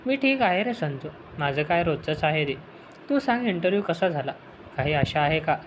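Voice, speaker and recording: A man voicing a gentle, long-suffering middle-aged aunt who speaks softly and pleadingly in an audio story. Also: fairly high pitch, sing-song, moderate pace, a little hiss or hum, poor audio. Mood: tender. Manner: soft, pleading and tender.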